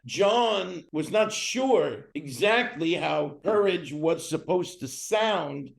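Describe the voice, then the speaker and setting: A man, a voice actor, telling an interview story in an animated way with a gravelly, scratchy voice. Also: on the high side, slow, no room sound.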